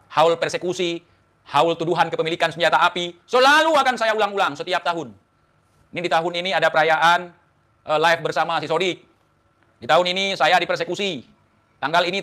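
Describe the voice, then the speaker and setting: An Indonesian man hosting an online talk show delivers a defiant, taunting monologue to the camera, packed with rhetorical questions. His voice sits high and sounds bright and forceful at a fairly quick pace.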